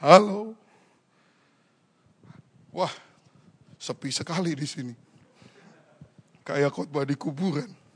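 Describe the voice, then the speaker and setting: Guy preaching a sermon, pretty high voice, jokey and teasing, throws in english words a lot. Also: slow pace, long pauses, breathy edge. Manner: mixes English phrases into Indonesian speech; humorous, teasing, with rhetorical questions. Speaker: pastor.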